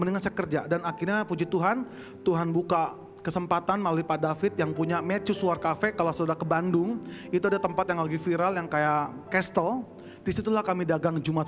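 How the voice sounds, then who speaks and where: A man's voice: sits high, fairly bright tone, long reverb tail. Chatty man telling a church story. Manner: chatty storytelling, addresses the congregation as saudara. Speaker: singer giving a testimony at church. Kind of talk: humorous church testimony. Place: church service.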